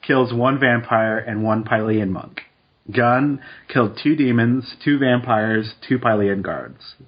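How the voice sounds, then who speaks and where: A man co-hosting a podcast in casual chat, relaxed and quick with asides. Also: mid-range voice, husky, dull audio. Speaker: podcast co-host. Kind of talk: casual chat, reading statistics aloud.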